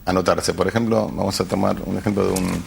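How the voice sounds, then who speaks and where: Deep gravelly man. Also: fairly even intonation, quick pace, a little mellow, a little hiss or hum. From Argentina. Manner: hesitant, searching for words, many restarts. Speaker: tech company founder guest. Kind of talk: TV interview. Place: television studio.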